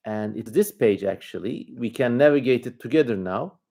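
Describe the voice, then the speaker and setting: A man's voice: mid-range voice, expressive, moderate pace, mellow. A man with a Turkish accent hosting a livestream, giving casual commentary in an informal, rambling way as he thinks aloud. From Turkey. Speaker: livestream host.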